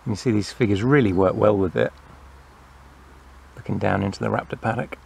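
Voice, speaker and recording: A man casually narrating a toy playset review, explaining the features in a relaxed way. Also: fairly low pitch, brisk, gravelly, slightly rough.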